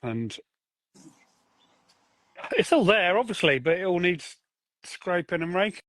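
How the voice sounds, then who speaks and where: A jokey man co-hosting a relaxed podcast about gardening. His voice sits a little high for a man, and he laughs easily as he talks. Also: measured pace. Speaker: podcast co-host. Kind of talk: casual chat.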